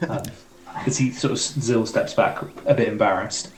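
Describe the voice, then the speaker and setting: A man's voice: fairly low pitch, normal speed, roomy sound, slight background noise, rough recording. A man narrating as dungeon master in a casual, rambling way, with lots of ums and likes. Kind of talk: narrating a tabletop game.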